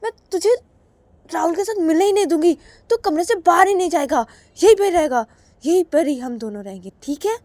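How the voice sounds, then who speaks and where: A stubborn, possessive older sister in a spoken storybook, insisting over and over and pressing for answers, as a woman storyteller plays her. Her voice is high. It is recorded close and dry. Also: expressive, fairly quick, darkish tone, dry recording. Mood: defiant. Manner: insistent, repeatedly demanding "haan?".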